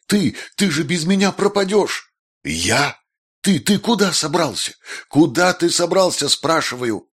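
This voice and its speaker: A man's voice: big pitch swings, extremely slow, hardly any pauses, pushed and bright, husky, full character voice. A man voicing a young woman who shrieks and sobs hysterically. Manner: shrill and sobbing.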